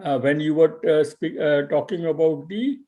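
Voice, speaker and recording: A man's voice: on the high side, dark tone. A man teaching a spoken class, patiently correcting pronunciation with frequent hesitations. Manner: patient, corrects pronunciation slowly with many fillers. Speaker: English teacher. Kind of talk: online spoken English class.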